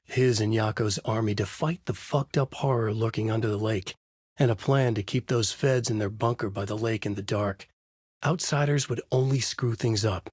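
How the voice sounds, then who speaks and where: An actor voices a troubled novelist in a horror video game, narrating his dark tale in a husky, grave, deliberate noir manner. His pitch is medium and the performance is lightly acted. The studio recording is clean, with no echo.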